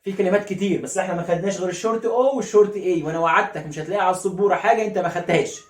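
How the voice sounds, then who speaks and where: Egyptian teacher drilling sounds in an echoey room. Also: male voice, high voice. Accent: Egyptian Arabic. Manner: repeats sounds slowly and drills them, asks questions and answers them himself. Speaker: English phonics teacher. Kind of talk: classroom phonics lesson.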